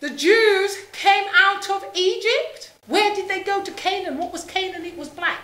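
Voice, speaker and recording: Speaking with passion to a crowd indoors, this middle-aged woman talks a little slowly, her high voice bright and forceful as she repeats points and poses rhetorical questions. She comes from Saint Kitts in the Caribbean and moved to England when she was seven. The room's echo is clearly audible in this roomy live recording.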